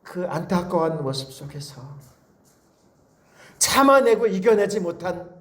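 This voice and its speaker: A male pastor delivers a lively Sunday sermon, his voice sitting a little high and swinging widely up and down. He keeps pulling the congregation in with questions and repeated calls, preaching with animated energy. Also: unhurried.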